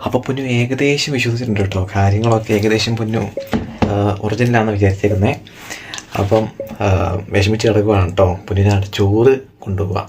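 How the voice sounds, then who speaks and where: A man vlogging at home while pranking his wife, in a quick, teasing way. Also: fairly low pitch, fairly even intonation, a little mellow, slight background noise. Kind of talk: casual home vlog, teasing.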